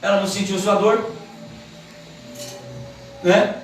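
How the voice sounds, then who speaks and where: A woman giving a church Bible lesson, quick and emphatic in her delivery. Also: mid-range voice, fairly even intonation, a little hiss or hum. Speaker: Bible teacher. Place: church hall. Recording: echoey hall, mic from far off.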